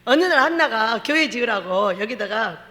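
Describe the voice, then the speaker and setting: A woman pastor preaching a lively sermon, telling stories with laughter and acting out quotes in a church. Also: a little high, moderate pace. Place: church sanctuary. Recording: long hall reverb.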